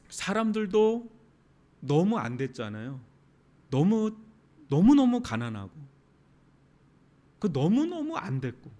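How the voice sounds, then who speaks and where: A male pastor delivering a Friday night sermon, with dramatic swings from soft, drawn-out phrases to sudden loud outbursts. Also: high voice.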